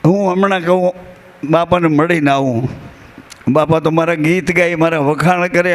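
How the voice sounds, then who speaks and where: Man, rural Gujarati accent, devotional storyteller at a gathering; slow, unhurried, high-pitched, folksy delivery with quoted verses. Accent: Gujarati, rural Saurashtra. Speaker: bhajan singer and spiritual speaker. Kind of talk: devotional discourse to a live gathering.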